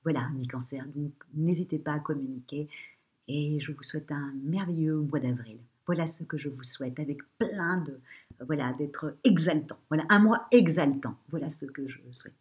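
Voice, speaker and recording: Low, cracked-voiced woman giving horoscopes. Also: moderate pace, a little mellow. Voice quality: broken, cracking, weak voice. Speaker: astrologer giving a monthly horoscope. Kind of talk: informal horoscope monologue to viewers.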